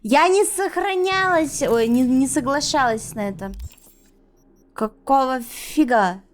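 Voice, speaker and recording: Playing a video game on stream, this young woman talks slowly in a high, animated voice. Her commentary is casual, crude and playful, much of it muttered to herself.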